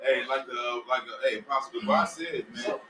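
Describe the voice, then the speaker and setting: A man with an ordinary mid-range voice speaks haltingly in a religious group discussion, with many fillers. He is heard from a distance in an echoey room, with faint noise behind him. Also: medium pitch, little pitch movement, sharp tone. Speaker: discussion participant.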